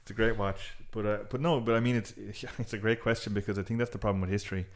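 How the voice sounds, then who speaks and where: Man explaining history, low voice. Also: fairly even intonation, quick pace. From Ireland, south Galway. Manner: explanatory, chuckles often. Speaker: guest historian. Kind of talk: casual podcast interview.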